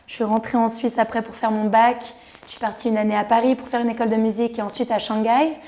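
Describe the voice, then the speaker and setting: A woman in her thirties from Switzerland, a singer guest chatting in a relaxed way on a radio interview. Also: fairly high pitch, quick pace. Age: 30s.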